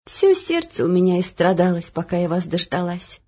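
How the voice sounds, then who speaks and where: A woman voicing a kind, fretting old cook in a storybook reading, gently grumbling and a little lower than her narration. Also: sing-song, moderate pace, husky, dull audio. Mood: tender. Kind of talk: audiobook reading.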